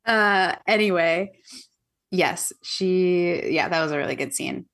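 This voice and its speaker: A woman's voice: lowish voice, takes it slowly, creaky, a bit bright. A woman co-hosting a podcast, with a playful, giggly and slightly hesitant way of talking. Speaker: podcast co-host. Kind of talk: casual chat.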